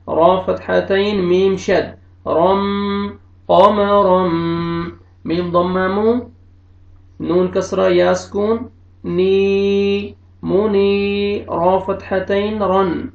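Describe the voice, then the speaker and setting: Man teaching recitation, Urdu-speaking accent, gravelly high voice, dull roomy recording. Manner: spells out letters and vowels, then slowly draws out the joined word; quick, matter-of-fact explanations of rules between readings. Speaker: Quran teacher. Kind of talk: recorded online recitation lesson.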